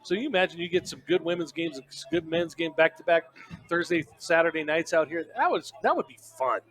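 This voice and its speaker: A man's voice: fairly high pitch, expressive, a little fast, a bit bright. A man giving color commentary on a college football radio broadcast, opinionated and emphatic. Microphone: broadcast booth microphone.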